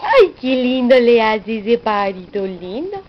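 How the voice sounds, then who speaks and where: A woman's voice: fairly high pitch, big pitch swings, measured pace, slight background noise. A woman coaxing a baby in sing-song baby talk, repeating little words over and over. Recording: dull lo-fi home video.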